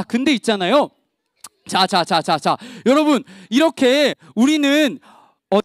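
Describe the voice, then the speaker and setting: A man leading a children's sermon as the evangelist, animated and coaxing as he talks straight to the kids. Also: very high-pitched, no room sound, clean studio sound.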